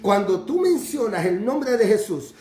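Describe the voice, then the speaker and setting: A man's voice: high-pitched, big pitch swings, measured pace, dark tone. A man from Honduras, preaching a sermon in a fervent, repetitive cadence. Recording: roomy echo with faint music behind.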